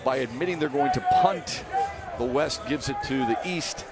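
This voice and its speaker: A man announcing a live football game play-by-play, measured between plays and rising to excited calls on the big ones. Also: medium pitch, over a noisy crowd, very noisy.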